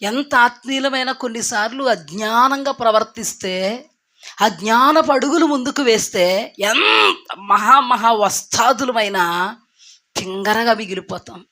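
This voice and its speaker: A woman preaching a sermon who tells the story lively, asks the congregation rhetorical questions and acts out the characters' lines. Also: on the high side, a little slow. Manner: lively, acts out biblical characters in quoted voices.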